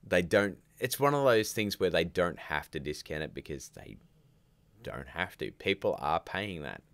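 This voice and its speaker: A man's voice: deep voice, big pitch swings, moderate pace, fairly bright tone, no echo. A man hosting a casual livestream, rambling and chatty in a groggy morning voice, talking from home. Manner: rambling, chatty, reads out viewer comments. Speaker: livestream host.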